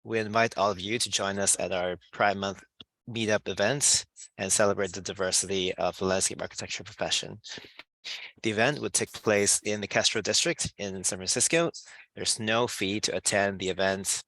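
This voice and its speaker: Low gravelly man making webinar announcements. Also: fairly even intonation, moderate pace, pushed and bright, dry recording, low-quality recording. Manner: reads announcements, some ums. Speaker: webinar host.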